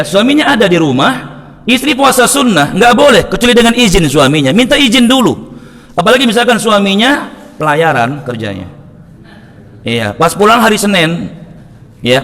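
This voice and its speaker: A man preaching to a mosque congregation, joking, laughing and acting out quoted lines. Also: fairly high pitch. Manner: lively, jokes and laughs with the congregation, acts out quotes. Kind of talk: mosque study sermon. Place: mosque hall. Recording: long hall reverb.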